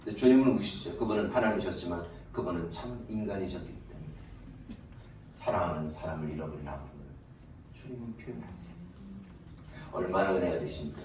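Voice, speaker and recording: A man's voice: deep voice, brisk, background noise. A male pastor preaching a sermon in a church, emotive and full of rhetorical questions. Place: church sanctuary. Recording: echoey church hall, distant mic, music.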